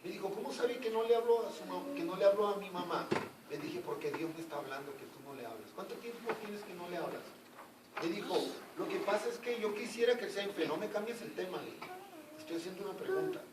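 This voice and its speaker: A male evangelist preaching a sermon, retelling a conversation with emphatic, animated questions. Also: high-pitched, quick pace. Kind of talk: sermon with retold dialogue. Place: church sanctuary. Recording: echoey church from far off with noise.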